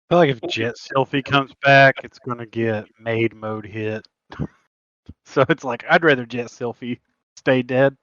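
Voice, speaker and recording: Male co-host, mid pitch, self-mocking humor, muffled dry recording. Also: measured pace, fairly bright tone, no room sound. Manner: self-mocking, laughs while telling stories. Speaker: podcast co-host. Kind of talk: casual card game chat.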